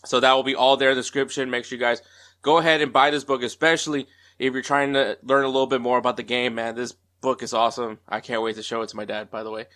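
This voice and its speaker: A man hosting a casual sports podcast, speaking at an everyday pitch. His delivery is upbeat and chatty, full of fillers and quick restarts. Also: little pitch movement, sharp tone. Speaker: podcast host. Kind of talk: casual podcast intro and interview.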